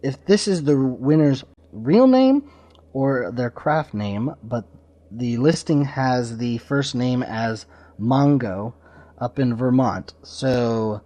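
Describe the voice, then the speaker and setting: Speaking slowly and expressively, this man has a mid-range, dark-toned voice. As a podcast host, he rambles a little through informal, casual introductions over slightly dull lo-fi audio.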